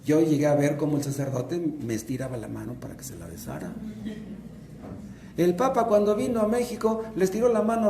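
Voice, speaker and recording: A man's voice: sits high, creaky, warm tone, echoey room, slight background noise. A man, a pastor with a Mexican Spanish accent, preaching a sermon and asking and answering his own questions.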